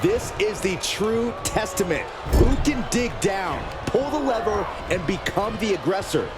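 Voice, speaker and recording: A man's voice: sits high, lively intonation, a little slow, over loud music. A man working as a wrestling commentator, calling moves during a match. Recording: noisy, roaring arena crowd behind.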